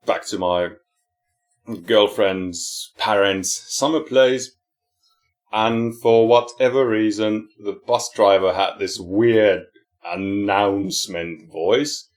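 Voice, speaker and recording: A man's voice: on the low side, takes it slowly. A man with a Finnish accent co-hosting a podcast, telling rambling stories and laughing often. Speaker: podcast co-host. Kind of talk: casual podcast storytelling.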